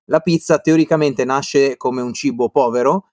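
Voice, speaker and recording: A man's voice: medium pitch, steady tone, normal speed, a little mellow, no room sound, studio quality. An Italian man co-hosting a podcast in casual chat, telling anecdotes and acting out conversations as he goes. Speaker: podcast co-host.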